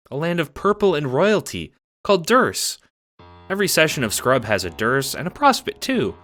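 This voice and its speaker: A man with a medium-pitched voice narrates a fan audio drama as an excitable, affectionate young cat-like alien troll girl, rambling playfully, with music in the background.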